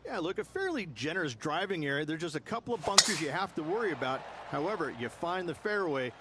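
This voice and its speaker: A golf analyst doing video game commentary speaks fast in a voice that sits fairly high for a man, with big swings in pitch. His tone is conversational, approving and explanatory, and clear background noise can be heard.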